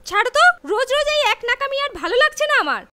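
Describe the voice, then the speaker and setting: A woman's voice: very high-pitched, lively intonation, fairly quick, bright, forceful tone, exaggerated voice. A woman playing a fed-up, hard-working wife and mother in a melodramatic short film. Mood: fed up, angry.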